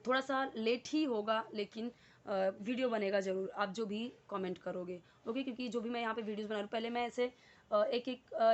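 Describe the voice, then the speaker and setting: A woman teaching English in Hindi, explaining sentences step by step and repeating key words with frequent fillers. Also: mid-range voice. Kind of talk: casual Hindi English lesson.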